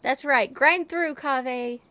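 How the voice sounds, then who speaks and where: A playful woman game streamer chats casually and reacts as she plays, with game music in the background. Her voice is high, slow, pushed and bright, with a little hiss or hum on the recording.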